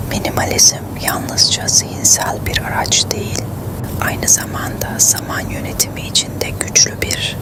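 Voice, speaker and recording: A narrator reading a script in a hushed, breathy ASMR whisper, quiet as if late at night.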